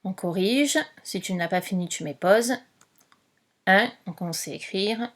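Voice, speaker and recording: A woman teacher giving a slow spelling dictation, patiently spelling out letters one by one. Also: medium pitch.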